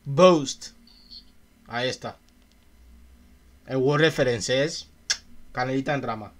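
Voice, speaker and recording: Measured in pace, with a medium pitch and a fairly bright tone, a man streams casually while reading philosophy aloud. Between passages he muses with his chat in a conversational, questioning manner.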